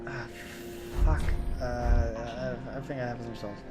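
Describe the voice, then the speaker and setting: A man's voice: medium pitch, level tone, takes it slowly, over loud music. A man casually commenting on a video game as he plays, rambling, swearing and joking. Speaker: let's play host.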